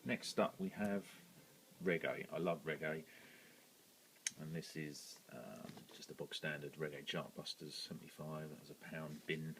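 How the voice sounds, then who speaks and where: A man's voice: very deep voice, steady tone, unhurried, noisy background. A British man casually showing his record collection, rambling with plenty of ums and self-corrections. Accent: British English. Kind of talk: casual show-and-tell vlog.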